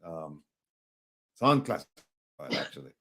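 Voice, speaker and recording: A man's voice: rumbling low, sing-song, unhurried, bright, forceful tone, a little hiss or hum. A Jamaican man hosting an interview, asking earnest questions and leaning on "you know" and restarts. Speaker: talk show host.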